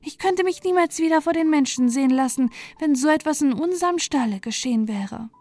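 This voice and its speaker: A woman's voice: sits high, fairly quick, no room sound, pitched above the performer's own voice. A woman voicing an eager, fussy little queen wren bird in a storybook, fretting and scolding. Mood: fretful. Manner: fretful, excited, scolding. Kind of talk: storybook character voice.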